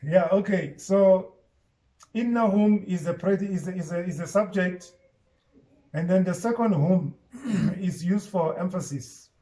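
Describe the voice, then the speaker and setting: A man's voice: high-pitched, normal speed, warm tone, rough recording. A man teaching an online Islamic studies and Arabic class, explaining step by step and quizzing his students.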